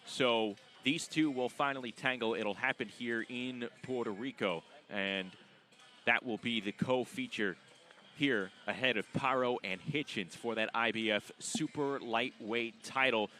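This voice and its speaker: A man's voice: medium pitch, a little slow, bright, forceful tone. A man hosting a boxing broadcast with polished live sports commentary.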